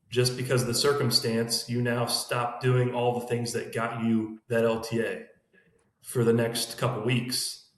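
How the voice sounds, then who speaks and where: A man talking fast in a casual team podcast chat, recorded in an emptied room with an echo. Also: medium pitch. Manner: talks fast in long run-on thoughts. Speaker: sales team member. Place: room emptied out with bare walls. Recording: echoey bare room.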